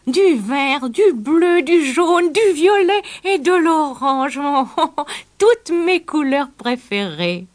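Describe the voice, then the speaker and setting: A woman's voice: high voice, big pitch swings, extremely slow, no echo, heavily acted. Woman reading as a cheerful absent-minded old professor. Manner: eager, exclaiming, with many "oh"s. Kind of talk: children's storybook reading.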